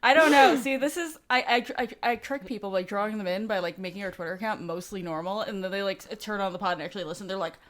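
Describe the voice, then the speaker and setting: A woman's voice: mid-range voice, fast talker, few pauses, a bit bright. A woman co-hosting a casual podcast, talking with a slight lisp and plenty of fillers and restarts. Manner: rambling, with many fillers and restarts. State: slight lisp from dental aligners. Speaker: podcast co-host. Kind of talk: casual chat.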